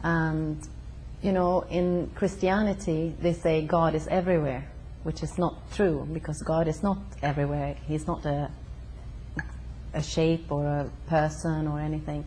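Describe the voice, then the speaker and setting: Brief: young woman, low mellow voice, hesitant pauses. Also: steady tone, a little hiss or hum. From Sweden. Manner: hesitant, pausing with ums. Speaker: interview guest. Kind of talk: conversational interview. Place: living room of a home.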